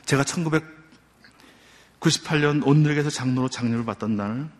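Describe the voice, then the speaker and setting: Older man, church elder, earnest testimony, long pauses, reverberant hall. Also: medium pitch. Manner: earnest, heartfelt storytelling with many pauses.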